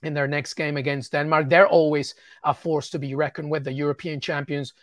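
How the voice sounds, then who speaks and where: Enthusiastic soccer analyst, dry sound. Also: male voice, a little high, flat delivery, a little fast, no room sound. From England. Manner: fluent and enthusiastic, with frequent stammered repeats. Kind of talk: interview analysis.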